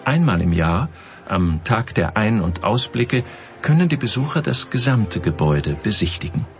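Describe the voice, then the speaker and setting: A man reading scripted documentary narration in an informative, even delivery. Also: fairly low pitch, normal speed, faint music behind.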